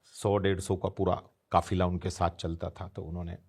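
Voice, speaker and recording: A man's voice: sits low, little pitch movement, moderate pace, breathy edge. A man in his fifties, an interview guest, telling an anecdote and acting out the voices of the people he quotes. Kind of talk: storytelling anecdote.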